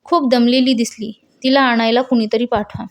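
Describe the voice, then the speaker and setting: A woman's voice: fairly high pitch, fairly even intonation, moderate pace. A woman narrating a devotional folk tale, giving the characters' lines a mild change of inflection. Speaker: storyteller.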